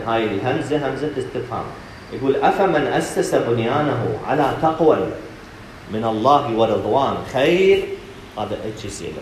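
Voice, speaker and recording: A man's voice: a little high, a little hiss or hum. A man with an Iraqi Arabic accent, director of a counselling centre, giving a religious talk to an audience, asking rhetorical questions and addressing listeners directly. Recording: echoey room recording.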